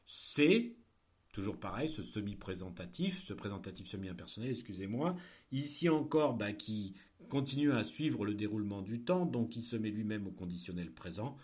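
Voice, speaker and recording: A man teaching, dictating in a deliberate way and explaining grammar didactically, with questions put to the listener. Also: fairly low pitch, a little mellow. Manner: dictating phrases slowly and deliberately, then explaining in quicker asides. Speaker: French teacher.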